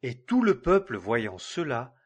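Man reading scripture, slow measured pace, husky tone. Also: medium pitch, huge pitch swings. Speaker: Bible reader.

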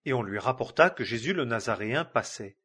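A man giving a measured scripted reading of scripture, lifting his voice for the cries. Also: mid-range voice, animated, pushed and bright, breathy edge. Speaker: Bible reader.

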